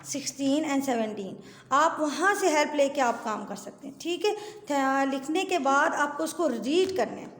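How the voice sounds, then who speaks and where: A woman's voice: sits high, lively intonation, measured pace, a bit bright. A woman, a kindergarten Urdu teacher who patiently spells out letter sounds in a recorded lesson for pupils and parents. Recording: echoey room with long reverb.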